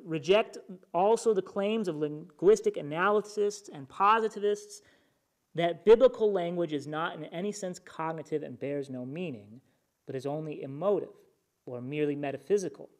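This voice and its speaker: An American man with a slightly high, somewhat mellow voice teaches a small church study group, alternating between reading passages aloud and casual, conversational explanation.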